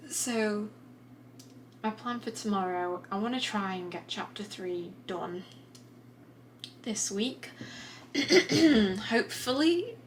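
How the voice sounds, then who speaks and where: A woman chatting casually in a writing vlog from her desk at home, relaxed and full of little fillers and restarts. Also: medium pitch, takes it slowly, long pauses, a little hiss or hum. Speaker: writing vlogger.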